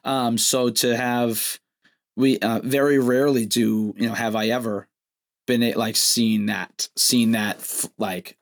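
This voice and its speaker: A man, a guest songwriter, talking reflectively in a casual podcast chat, with many halting restarts. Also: medium pitch, steady tone.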